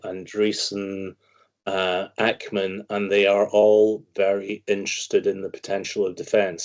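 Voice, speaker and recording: A Scottish man with a lowish, darkish voice appears as a guest analyst in a conversational interview. His commentary is emphatic and opinionated, delivered in long explanations.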